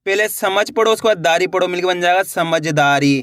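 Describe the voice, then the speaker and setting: A man's voice: high voice, a little fast, fairly bright tone, dry recording, clean studio sound. A man teaching beginners to read, sounding out each syllable and then saying the whole word, and encouraging his viewers as friends. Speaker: Hindi reading teacher. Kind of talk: reading lesson for learners.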